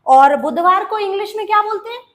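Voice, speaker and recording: A woman with an Indian accent and a very high-pitched, slightly bright voice with lively intonation teaches English grammar to exam students. She calls them beta, drills answers through questions, and slows down to stretch out her example sentences.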